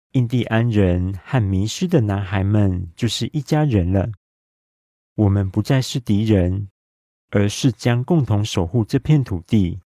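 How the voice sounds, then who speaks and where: A dignified male chief from a bedtime story, played by a man reading aloud, speaks with calm, solemn authority. The voice sits low and mellow. The sound is close and dry. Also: dry recording.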